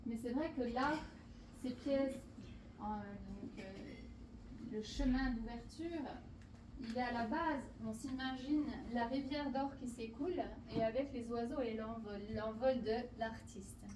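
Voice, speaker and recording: A woman painter from Portugal shows visitors around her exhibition hall at a measured pace, her slightly high voice halting with frequent fillers and restarts as she presents her works. Background noise is present, and the roomy hall leaves her far from the mic.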